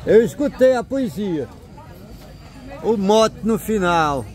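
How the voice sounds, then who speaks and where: A man with a Northeastern Brazilian, Pernambuco accent comments casually amid a busy outdoor market crowd. His voice is high and swings widely in pitch. He points things out in short, repeated exclamations and greets people as he goes. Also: lively intonation, slow, a little mellow. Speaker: vlogger filming a street market. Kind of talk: casual running commentary to camera, greeting passers-by. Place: outdoors in an open-air street market.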